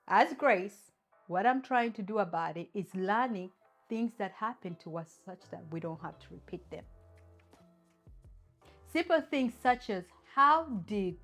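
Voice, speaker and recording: A Ugandan woman hosts her own channel, giving an opinion talk straight to camera with emphatic points and plenty of rhetorical questions. Her voice sits in the mid-range and is a bit bright.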